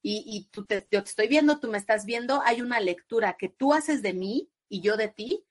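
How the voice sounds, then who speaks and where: Mexican woman explaining in an interview. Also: moderate pace. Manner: explanatory, acts out quoted voices with lively pitch jumps. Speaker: psychologist guest.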